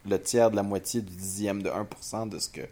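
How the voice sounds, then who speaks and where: A man co-hosting a casual tech podcast. He is wry and emphatic and quick to jump in. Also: fairly low pitch, steady tone, darkish tone. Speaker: podcast co-host.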